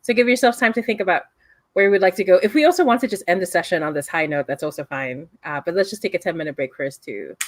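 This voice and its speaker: A woman's voice: lowish voice, fast, dry recording. A woman running a tabletop role-playing game, chatty, with lots of fillers and laughter. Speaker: game master.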